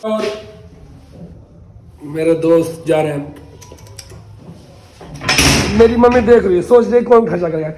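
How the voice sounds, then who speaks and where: A man's voice: high voice, animated, unhurried, long pauses, background noise. A man vlogging casually while out and about, teasing and talking straight to his viewers. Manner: chatty, teasing, addresses viewers directly. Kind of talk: casual vlog talk to viewers.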